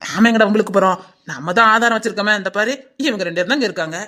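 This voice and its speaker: A woman's voice: mid-range voice, rapid-fire, sharp tone. Chattering Tirunelveli woman comedian. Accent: Tirunelveli Tamil. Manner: nosy, chattering, teasing. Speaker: sketch comedian. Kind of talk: comic sketch, gossiping bus passengers.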